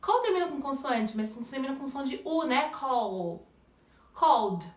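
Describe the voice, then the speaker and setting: A woman's voice: high voice, expressive, a little fast, echoey room, distant mic. A woman teaching English pronunciation in Portuguese, explaining step by step and checking in with the listener often. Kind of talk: pronunciation lesson.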